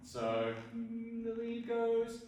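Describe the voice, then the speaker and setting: Slow-spoken man teaching barbershop parts. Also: very high voice, sing-song, a little mellow. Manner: unhurried, sings example notes between explanations. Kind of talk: teaching song parts to an audience. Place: hall with an audience. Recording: echoey hall, distant mic.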